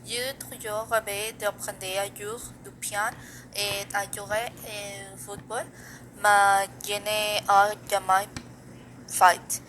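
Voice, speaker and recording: Slow, flat-voiced teenage girl. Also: mid-range voice, a little hiss or hum, rough recording. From Mexico. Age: teens. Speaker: student. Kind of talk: reading a self-introduction.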